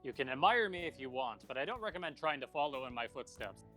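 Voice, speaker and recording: A man's voice: medium pitch, animated, quick pace, sharp tone, soft background music. A man as a dry, weary cafe owner. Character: middle-aged male cafe owner, dry and guarded. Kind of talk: fan comedy dub.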